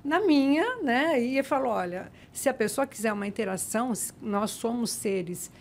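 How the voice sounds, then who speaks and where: A woman's voice: on the high side, moderate pace, slight background noise. A woman, a psychologist guest on a podcast, explaining her ideas with rhetorical questions. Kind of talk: conversational podcast interview.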